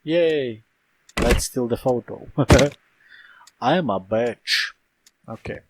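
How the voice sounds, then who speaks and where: A man's voice: medium pitch, slow, very noisy. A man doing a casual let's play commentary, joking, rambling and reading game text aloud.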